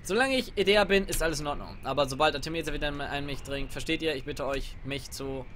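A man's voice: on the high side, fast, fairly bright tone, a little hiss or hum, natural voice. A man voicing a grave sorceress who fears her own powers, reading the game's subtitles aloud.

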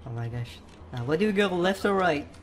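A woman's voice: on the low side, expressive, brisk, lightly acted. Bluey, a jumpy puppy girl, voiced by a woman. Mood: excitable scared. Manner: jumpy, shrieks when scared, silly boasting. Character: Bluey, excitable young girl puppy playing a game. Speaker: gamer narrating play. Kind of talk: voiced Roblox let's-play. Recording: game music underneath.

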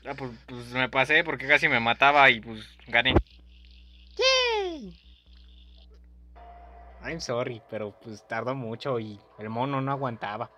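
A young man giving playful, goofy let's-play commentary, breaking into sudden yells and silly meowing. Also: mid-range voice, steady tone, moderate pace, hardly any pauses, background noise. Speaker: gaming youtuber.

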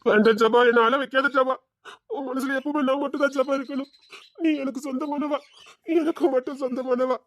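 A woman's voice: sits high, fairly even intonation, brisk, slight background noise, close to an everyday voice. A woman voicing a young man who begs and cries for the love of a friend in an audio drama. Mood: pleading. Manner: pleading, crying.

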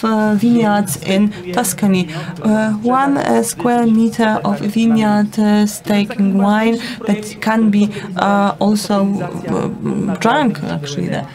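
Woman, live conference interpreter, halting, many restarts, crowd murmur behind. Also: mid-range voice.

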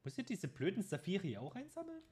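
A high, husky voice with a darkish tone and huge pitch swings moves a little fast. It belongs to a man in his twenties streaming a game from his room at home, teasing his friend in casual, joking gaming chat.

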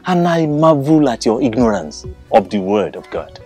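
A calm, authoritative spiritual teacher, played by a man, with a Nigerian English accent. He quotes scripture in a measured, solemn cadence, his mellow voice rising and falling widely. Soft film music plays behind him. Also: mid-range voice, natural voice, rough recording. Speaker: teacher, preacher figure.

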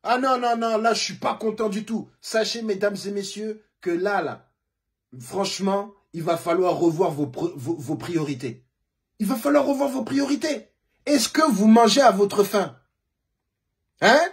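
Brief: male comedian, comic football rant, very husky and breathy voice, over-the-top indignation. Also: measured pace. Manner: indignant, exaggerated, rhetorical questions; swings between shouting and low muttering. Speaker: comedian commentator.

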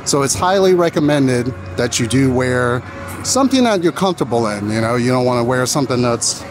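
A man's voice: mid-range voice, lively intonation, brisk, over music, poor audio. A man hosting a casual event vlog, narrating and chatting outdoors as he goes. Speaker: vlog host. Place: outdoors at a haunted attraction at night.

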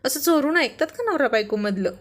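A woman's voice: high-pitched, animated, fairly quick. A woman voicing a young wife who scolds her husband with exasperated affection in a read-aloud story. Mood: scolding.

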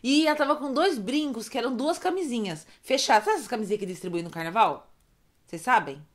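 A woman's voice: fairly high pitch, animated, quick pace. A woman casually recapping funny moments, chatty, with asides to viewers and frequent fits of giggles. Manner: giggly, often breaks into laughter. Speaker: storyteller recapping roleplay streams.

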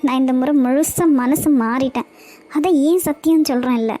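A woman plays a cartoon mother full of regret, begging forgiveness in a very high, pleading voice. The tone stays soft and warm. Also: moderate pace, natural voice. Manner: pleading, apologetic. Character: remorseful middle-aged mother and wife. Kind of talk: cartoon voice acting.

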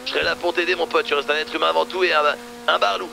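A man's voice: fairly high pitch, steady tone, very fast, creaky, background noise. A man playing a brash, foul-mouthed but loyal criminal buddy in online game roleplay, with blunt, teasing slang.

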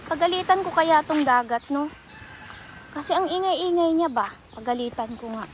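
A woman's voice: sits high, lively intonation, moderate pace. A woman vlogging outdoors by the sea, chatty and playful. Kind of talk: casual outdoor vlog. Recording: loud waves and outdoor noise. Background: sea waves.

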